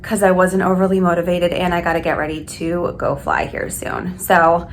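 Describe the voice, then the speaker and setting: In a casual workout vlog, a woman who's a flight attendant talks openly while exercising in her hotel room, at times breathing hard. She has a lowish, steady voice and speaks at normal speed, with a little hiss or hum in the background.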